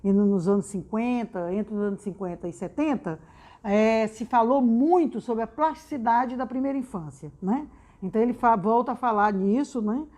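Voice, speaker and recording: A Brazilian woman gives an informal educational talk. She tacks a tag question onto nearly every phrase and often repeats a word before she goes on. Her voice sits a little higher than most women's. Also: moderate pace, warm tone. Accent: Brazilian Portuguese. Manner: frequent restarts and repeated words.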